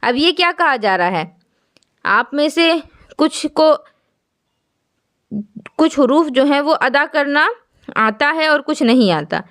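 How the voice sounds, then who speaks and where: A woman teaching an online Quran recitation class, explaining slowly and asking her students questions. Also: high voice, a bit bright. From Jammu, India.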